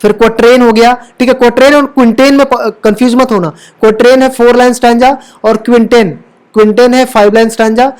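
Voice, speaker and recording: A woman's voice: a little high, fairly even intonation, brisk, a little mellow. Female lit tutor, exam-prep lecture style, rhetorical questions, frequent self-corrections. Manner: keeps asking rhetorical questions and checking in with "theek hai"; corrects own slips mid-sentence. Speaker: English literature teacher. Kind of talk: exam-prep lecture mixing Hindi and English terms.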